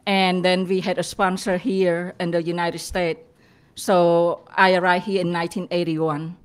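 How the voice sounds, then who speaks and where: A woman from Cambodia with a Cambodian accent, answering student questions in halting, hesitant phrases. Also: on the low side, level tone, clear, resonant tone. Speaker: guest speaker.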